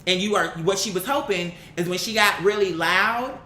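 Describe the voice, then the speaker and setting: In a pushed, bright voice at normal speed, an online commentary host goes on a blunt, opinionated rant for viewers, keeping it casual, swearing freely, and repeating words to drive points home. The sound is roomy and echoey, with a faint rumble.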